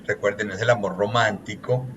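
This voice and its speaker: A man's voice: lowish voice, steady tone, moderate pace, a bit bright, lo-fi sound, a little hiss or hum. A man, a relationships consultant giving an earnest, teacherly coaching talk that lists points one by one.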